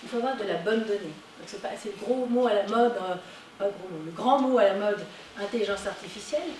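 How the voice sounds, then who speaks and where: A woman giving a conference talk, animated and emphatic on her key points. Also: mid-range voice, fairly quick. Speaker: conference speaker. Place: conference hall. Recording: echoey hall, distant mic, noisy.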